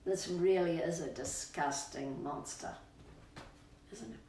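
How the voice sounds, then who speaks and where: A woman with a low-ish, creaky, warm voice reads a storybook to children slowly and expressively, in sing-song fashion with drawn-out words. She talks to her dog now and then, recorded at a distance with roomy echo and slight background noise.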